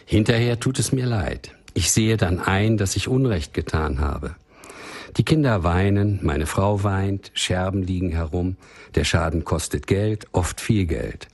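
A man reading out the lines of a desperate, remorseful father in a spoken story, in a low husky voice. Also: measured pace, darkish tone, full character voice. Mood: despairing. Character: desperate middle-aged father, remorseful and helpless.

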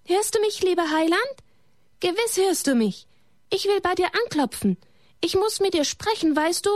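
This is a small, earnest boy, as a woman reading aloud puts him on. His voice sits high above a grown woman's register and pleads with childlike sincerity. The storybook recording is close and dry. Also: lively intonation, unhurried, dry recording. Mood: pleading. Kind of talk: storybook character voice.

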